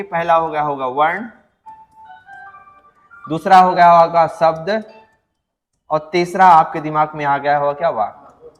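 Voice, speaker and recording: Man, grammar teacher, high voice, quizzing students then answering, long reverberant room. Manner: addresses students as friends, asks and answers own questions; stretches out example words slowly for stress. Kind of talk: exam-prep lecture.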